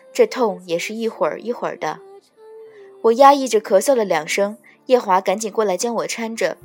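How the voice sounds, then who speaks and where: Woman narrator, steady first-person audiobook reading, faint music bed. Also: mid-range voice.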